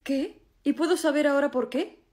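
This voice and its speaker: A woman's voice: high voice, normal speed, a little mellow, lightly acted. A woman playing a lovestruck, cocky young man, suave and melodramatic, in a comedy skit. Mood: wounded.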